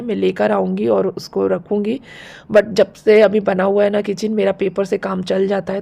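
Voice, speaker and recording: Woman with a scratchy sore throat, flat even tone, just chatting thru her vlog. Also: medium pitch. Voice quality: gravelly, husky. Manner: homely, chatty, explains step by step. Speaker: home vlogger. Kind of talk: casual chatty vlog narration.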